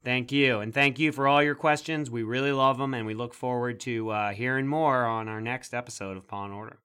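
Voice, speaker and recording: A man co-hosting a podcast on animal law, explaining legal points in a measured way with wry, sarcastic asides. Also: mid-range voice, fairly even intonation, pushed and bright, clear, resonant tone. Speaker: podcast co-host. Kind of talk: casual legal podcast discussion.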